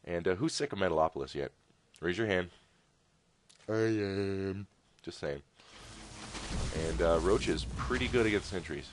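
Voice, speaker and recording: A man's voice: deep voice, animated, measured pace, long pauses, slight background noise. A man casting a strategy game replay in a casual, rambling way with jokey asides. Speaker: game caster. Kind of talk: casual video game commentary.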